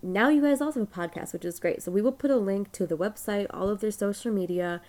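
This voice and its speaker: A woman hosts a podcast in a casual, friendly way. She talks loosely and fills her sentences with ums and likes. Her voice sits in a middle pitch. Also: fast, darkish tone. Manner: friendly, loose, many fillers. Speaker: podcast host. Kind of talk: casual chat.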